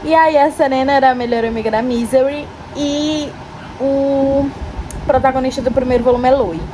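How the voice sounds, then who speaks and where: A woman's voice: high-pitched, fairly even intonation, normal speed, noisy background. A Brazilian woman chatting casually as a book vlogger, informal and rambling, often correcting herself. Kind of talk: casual chatty reading vlog.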